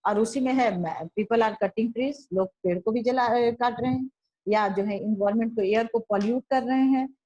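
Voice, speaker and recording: A woman teacher giving a classroom lesson, reading lines slowly and then explaining them in Hindi, often repeating and rephrasing. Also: on the high side, fairly even intonation, warm tone, dry recording, dull audio.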